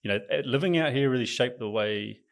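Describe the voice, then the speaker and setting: A man's voice: medium pitch, a little fast, vocal fry. A man with a New Zealand accent, a coach chatting as a podcast guest in an easygoing, enthusiastic way. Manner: relaxed, enthusiastic about nature. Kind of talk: casual interview chat.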